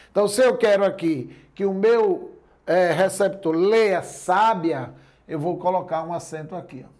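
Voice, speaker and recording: A man's voice: high-pitched, dark tone. A male Portuguese grammar teacher giving a classroom lecture in a Brazilian accent, explaining step by step and often checking that his listeners follow.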